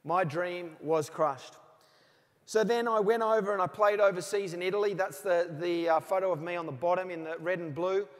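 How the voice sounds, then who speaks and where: A man's voice: high voice, fairly even intonation, fast talker, hardly any pauses. A man in his forties with an Australian accent, giving a motivational keynote speech and telling stories with acted-out phone calls. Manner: storytelling, acts out both sides of remembered phone calls. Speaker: motivational speaker. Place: large hall with audience. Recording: reverberant hall.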